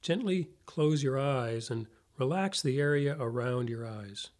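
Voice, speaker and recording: Male meditation guide, mid-pitched, very unhurried, instructional delivery with long pauses between phrases. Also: a little mellow.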